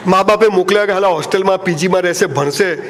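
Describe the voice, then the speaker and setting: A man with a Gujarati accent delivers a motivational talk to a live audience in a hall. His voice sits high, and his delivery is lively and joking. A faint background noise runs under the recording. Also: fast. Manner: animated, joking, acts out lovers' lines in playful voices. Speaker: motivational speaker.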